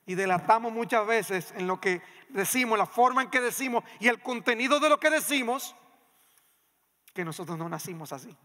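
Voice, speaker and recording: A man preaches a sermon from the pulpit, his raised voice high and sharp. He pushes hard on key phrases, then pulls back to a near hush. A long reverb from the church sanctuary trails each line. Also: lively intonation, moderate pace. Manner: emphatic preaching that swings between loud and hushed. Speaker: pastor.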